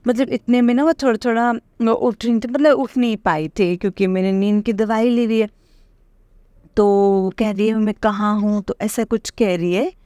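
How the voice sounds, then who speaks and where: A woman's voice: a little high, moderate pace, dark tone, no echo, studio quality. A woman, telling a long personal dream story in a rambling, hesitant way, full of fillers and restarts. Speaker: devotee sharing a dream experience. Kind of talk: casual spoken testimony.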